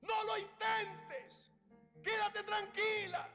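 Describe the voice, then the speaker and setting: A man voicing a crowd of discouraging frogs, shouting high and shrill over music. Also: level tone, drawn-out words, gravelly, full character voice. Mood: jeering, shrill.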